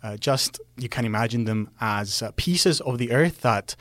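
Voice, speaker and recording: A middle-aged man whose first language is Greek appears as a guest seismologist, earnestly explaining earthquake science and using many fillers. His medium-pitched voice is animated, a bit bright, at normal speed, with no echo.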